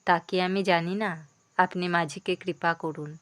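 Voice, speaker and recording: A woman's voice: fairly low pitch, steady tone, measured pace, fairly bright tone, no echo. Loyal younger-brother prince, read by a woman, earnest persuasive lines, dry close sound.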